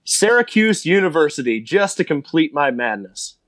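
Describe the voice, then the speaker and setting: A man co-hosting a casual sports chat, dry and teasing with deadpan jokes. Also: fairly high pitch, normal speed. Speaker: podcast co-host.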